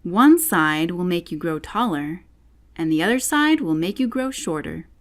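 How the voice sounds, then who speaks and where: A woman's voice: on the low side, very animated, measured pace. A woman voicing a curt, irritable, contradicting male caterpillar for a storybook, with a terse, decided manner. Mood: matter-of-fact.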